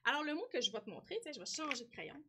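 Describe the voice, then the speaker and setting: A woman's voice: sits high, sing-song, racing, pushed and bright, slight background noise. A woman teacher with a Québécois French accent who gives a spelling lesson to young children, talks to the child directly and keeps asking "hein?".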